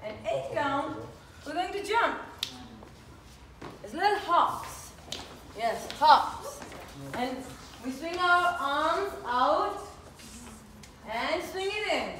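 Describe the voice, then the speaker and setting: A dance instructor with a high voice calls out steps and counts in short, energetic bursts, yet her delivery is very slow with frequent pauses. She's in a large indoor dance studio, recorded on a distant phone camera, so the sound is echoey, with music playing and a little hiss or hum.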